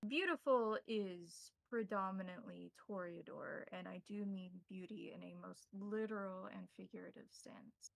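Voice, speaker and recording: A woman with a gravelly, mid-range voice plays a courtly, devout vampire priest in a tabletop game, formally tutoring newcomers. Her delivery is formal, measured and instructive, with a solemn mood. The recording is rough, with no room sound.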